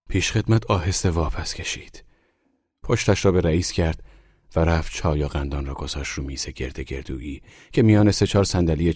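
A man reading a literary story aloud in a hushed, unhurried storytelling manner. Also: rumbling low, slightly rough, no room sound, studio quality. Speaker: audiobook narrator. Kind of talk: scripted literary narration.

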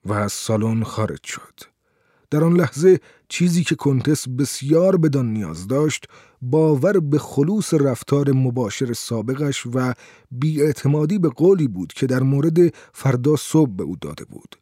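A man narrating an audiobook in a measured, steady storytelling manner. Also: medium pitch, dry recording, clean studio sound.

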